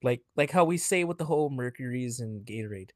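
A man's voice: mid-range voice, animated, a little fast, no echo, clean studio sound. A man in his thirties co-hosting a podcast in casual chat, rambling and laughing often. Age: 30s. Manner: rambling, laughs often, quotes others in a hushed voice. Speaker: podcast co-host.

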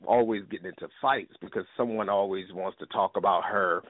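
A man with a somewhat low voice speaking over a dry, phone-like line. He moderates a call-in show and chats in an easygoing way, chuckling along with the host. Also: steady tone, fairly quick, dry recording. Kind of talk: casual chat on a call-in show.

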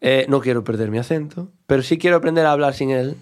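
A comedian, chatting expressively as a podcast guest. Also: male voice, medium pitch, fast. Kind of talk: casual chat.

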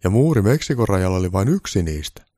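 A man voicing a calm, blunt old Santa Claus who speaks firmly and matter-of-factly, louder and a bit higher than his own voice. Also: no room sound. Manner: dry, matter-of-fact, firm.

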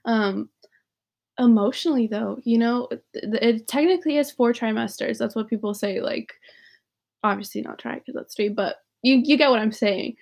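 A woman's voice: fairly high pitch, normal speed, gravelly, a little mellow. A young woman hosting a podcast, chatting candidly and joking, laughing often. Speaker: podcast host. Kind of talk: casual chat.

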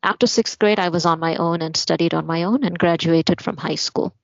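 A young woman from Malawi telling her life story as a guest, in a steady, matter-of-fact way. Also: fairly low pitch, normal speed, creaky, dry recording. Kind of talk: personal story in a podcast interview. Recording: muffled lo-fi audio.

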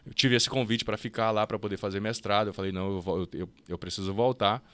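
A Brazilian man telling his story as a podcast guest, lively and quick, with fast restarts and acted-out bits of dialogue. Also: lowish voice, dry recording. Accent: Brazilian Portuguese. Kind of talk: casual storytelling interview.

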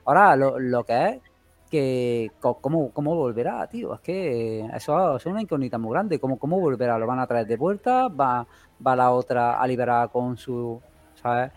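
A man's voice: medium pitch, lively intonation, moderate pace, dry recording, soft background music. A man from chatting casually about a series, rambling and repeating himself, with swearing thrown in. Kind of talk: casual chat.

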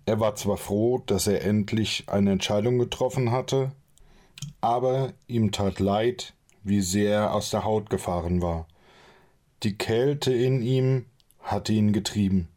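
A man narrates an audiobook in a calm, measured way. His voice sits fairly low, with a dark, mellow tone that suits steady storytelling. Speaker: audiobook reader.

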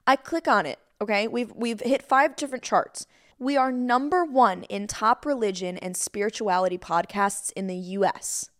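Chatty woman with a higher voice. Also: moderate pace. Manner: excitable, chatty, often says y'all. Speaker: podcast host. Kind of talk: casual faith podcast talk.

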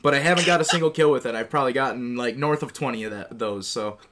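A man's voice: mid-range voice, quick pace, over a noisy crowd. A man in his early twenties in casual, slangy banter with friends, complaining with plenty of swearing. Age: early 20s. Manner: slangy, profane, animated complaining.

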